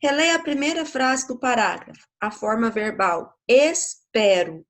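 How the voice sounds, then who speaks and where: A woman teacher with a Brazilian Portuguese accent walks schoolchildren through a grammar lesson. She speaks slowly and patiently, in a fairly high voice. She keeps checking in with quick tag questions. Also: big pitch swings. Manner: slow, patient, explanatory, checking with "né?" and "tá?".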